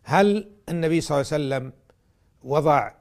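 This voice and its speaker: A man's voice: on the high side, quick pace, gravelly, darkish tone. A man giving a religious talk in formal standard Arabic, teaching in a didactic way and setting out his points one by one. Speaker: religious programme host and lecturer.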